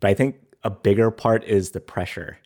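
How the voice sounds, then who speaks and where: Guy cohosting a podcast, lowish gravelly voice tired from talking, kinda halting, just chatting. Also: steady tone, a little mellow. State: voice worn from heavy talking. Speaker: podcast co-host. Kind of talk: casual chat.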